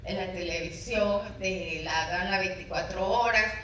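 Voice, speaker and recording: Middle-aged woman pastor, bright voice, heartfelt storyteller; distant, very roomy sound. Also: fairly low pitch, measured pace, a little hiss or hum. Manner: emotional, storytelling with dramatic retold dialogue. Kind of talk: personal testimony in an interview. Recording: very echoey room, voice from far off.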